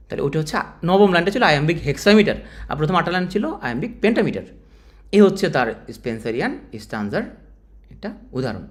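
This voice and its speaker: A man with a Bangladeshi Bengali accent giving an informal exam-prep literature lecture, talking straight to his students. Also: on the high side. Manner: animated, informal teacher, addresses students directly. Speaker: teacher.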